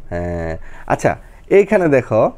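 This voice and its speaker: A woman's voice: extremely low pitch, big pitch swings, a little slow, a crowd in the background. A woman, teaching a child a lesson in a patient, coaxing, step-by-step way. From Bangladesh.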